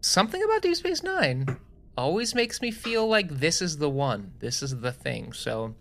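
Enthusiastic rambling man with a bright voice. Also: a little high, very animated, moderate pace, creaky. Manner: rambling, enthusiastic, many restarts. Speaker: podcast co-host. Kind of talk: casual podcast chat.

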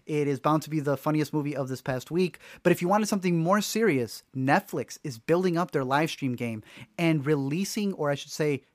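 A man co-hosting a casual movie news podcast, animated and joking with quick asides. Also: on the high side, no echo, clean studio sound. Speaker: podcast co-host.

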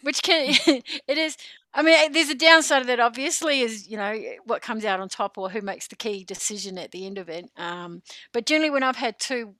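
Australian woman, coach and co-host, chatty and animated, dry sound. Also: fairly high pitch, a little fast, no room sound. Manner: animated, chatty, laughs often. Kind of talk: casual podcast chat.

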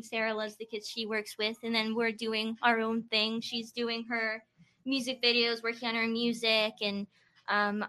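A woman with a very bright, somewhat high voice talks as an interview guest. Her delivery is casual and conversational. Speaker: interview guest, acting teacher. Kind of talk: casual chat.

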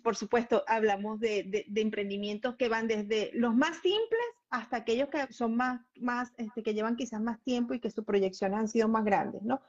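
A woman's voice: a little high, normal speed, highs cut off. A woman hosting a live interview, asking long, winding questions and repeating words as she searches for them. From Venezuela. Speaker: host.

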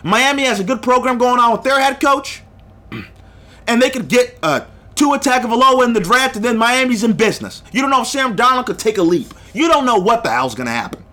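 A young man hosts his solo podcast in a high, lively voice that swings widely in pitch. His tone is bright and pointed, and he gets heated, hammering his points by repeating them. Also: brisk. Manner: heated, emphatic, repeats phrases for punch. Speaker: podcast host. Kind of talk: solo sports podcast rant.

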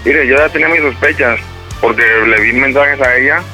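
Halting Mexican man on a prank call. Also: mid-range voice, pushed and bright, soft background music, rough recording. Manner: halting, hesitant, restarts a lot. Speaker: prank caller, radio host.

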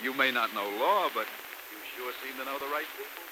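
An American actor playing an earnest, friendly young lawyer in an old-time radio drama. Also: male voice, medium pitch, quick pace, close to an everyday voice. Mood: apologetic, grateful. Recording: old radio recording, faint noise.

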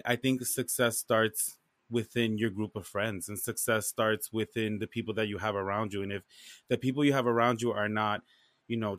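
A man's voice: on the low side, dry recording. Casual man, dry sound. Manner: slangy, expressive. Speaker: podcast co-host. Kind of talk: casual chat.

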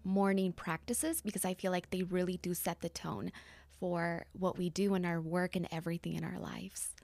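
A woman's voice: on the low side, level tone, moderate pace, creaky, a little mellow. A woman hosting a podcast conversation, affirming her guest often as she speaks. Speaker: podcast host. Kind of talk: casual conversation.

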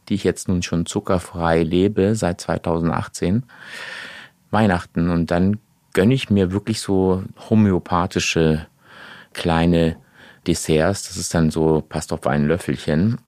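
A man from Portugal, a guest on a podcast, explaining things at length in a relaxed way. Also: low voice, dry recording, clean studio sound. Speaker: podcast guest, magazine editor-in-chief. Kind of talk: casual podcast interview.

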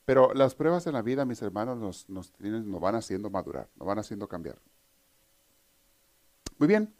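A man's voice: on the low side, animated, fast talker, a little mellow. Earnest preacher man. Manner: earnest, teaching, addresses listeners directly. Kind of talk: sermon.

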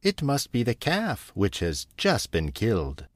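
A man voicing a kind, worried wife of an ogre in a storybook, speaking in a gentle, pleading manner. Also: medium pitch, huge pitch swings, unhurried, no room sound.

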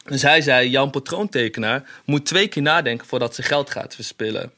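Bright-voiced man reasoning things out. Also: medium pitch, moderate pace. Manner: reasoned, explains with many fillers like "zeg maar". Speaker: podcast co-host. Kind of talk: casual podcast chat.

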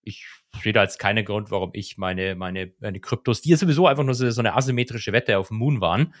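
A man's voice: fairly low pitch, fast. Man chatting casually on a podcast. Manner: relaxed, opinionated, stumbling restarts. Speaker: podcast co-host.

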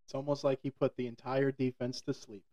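A man's voice: medium pitch, level tone, a little fast, dark tone. A man co-hosting a casual sports podcast, teasing his co-host and making puns on a podcast microphone. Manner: teasing, pun-making banter.

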